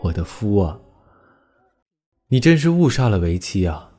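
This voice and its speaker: A man's voice: fairly low pitch, sing-song, measured pace, mellow, soft background music. A man voicing a young female ghost spirit who was wronged, speaking in a plaintive, sobbing and reproachful way. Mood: aggrieved.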